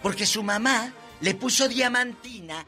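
A man's voice: very high-pitched, a little slow, bright, forceful tone, faint music behind. A man from Mexico co-hosting a comic radio show, joking and acting out voices in his anecdotes. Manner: playful, acts out voices in anecdotes. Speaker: radio co-host.

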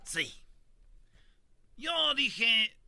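A man with a Mexican Spanish accent hosts a comedic radio show in a rowdy, joking way. His voice sits high and sounds bright and sharp. He keeps acting out little scenes for laughs. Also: very animated, very slow, creaky, no echo, clean studio sound.

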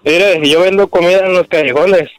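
A man's voice: high-pitched, normal speed, clear, resonant tone, no room sound, poor audio. A man from Michoacán calling in to a radio show, eagerly telling a funny story about a friend. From Michoacán, Mexico. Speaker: caller. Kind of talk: call-in chat.

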